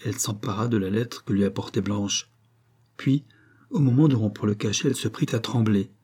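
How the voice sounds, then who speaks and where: A man reading a classic novel aloud as narrator, measured and dramatic. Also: on the low side, darkish tone, husky. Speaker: audiobook narrator. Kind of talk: scripted narration.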